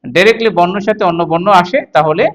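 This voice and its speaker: A man's voice: high-pitched, fast, a bit bright. A man teaching Quran reading, sounding out Arabic syllables one by one, repeating each several times, then explaining the spelling rules patiently. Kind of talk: slow letter-by-letter recitation lesson.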